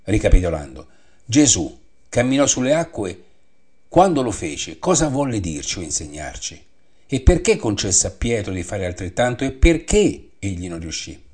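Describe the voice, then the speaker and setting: A man teaching a Bible study, reading scripture aloud and explaining it in a measured way that repeats the references. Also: fairly low pitch, big pitch swings, darkish tone, slightly rough.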